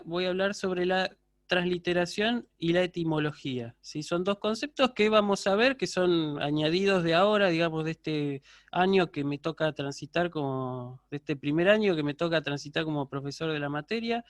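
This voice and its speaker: A man's voice: high voice, moderate pace, a bit bright, no room sound. A man teaching a university Greek class over a video call, patiently checking in with his students. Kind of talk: online lecture.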